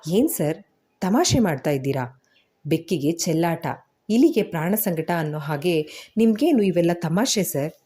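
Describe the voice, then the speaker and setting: A woman's voice: fairly low pitch, lively intonation, moderate pace, long pauses, mellow, husky. A woman voicing a young mother who sounds curt and sarcastic on the surface but caring underneath.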